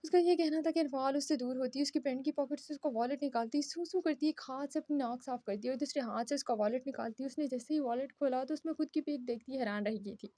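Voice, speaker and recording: A woman reads a romance novel aloud in a steady storytelling manner. Her voice is high. The sound is dry and close. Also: fast, few pauses, no room sound. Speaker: novel narrator.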